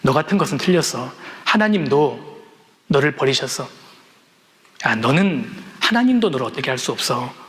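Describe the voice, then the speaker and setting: A man voicing a taunting male devil who speaks slowly and scornfully. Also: medium pitch, sing-song, fairly bright tone. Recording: long reverb in a large hall.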